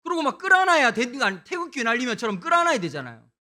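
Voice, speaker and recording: A middle-aged man from Busan, preaching a lively revival sermon with humorous storytelling, swinging between hushed and loud. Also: extremely high pitch, very fast. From Busan, South Korea. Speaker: guest pastor.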